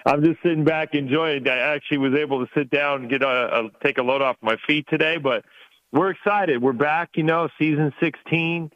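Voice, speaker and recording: A man's voice: fairly high pitch, fairly quick, dry recording. A man speaking casually as an interview guest, a promoter calling in to a radio show. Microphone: telephone. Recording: dull, dry phone-in audio.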